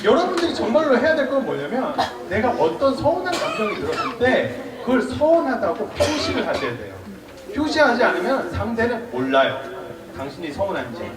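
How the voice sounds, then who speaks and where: Lively high-voiced monk in an echoey hall. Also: male voice, fairly quick, a loud crowd. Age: 40s. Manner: lively, asks the audience questions, acts out quoted dialogue. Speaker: monk lecturer. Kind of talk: Buddhist public lecture. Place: temple lecture hall with audience. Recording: echoey hall, mic from far off, audience around.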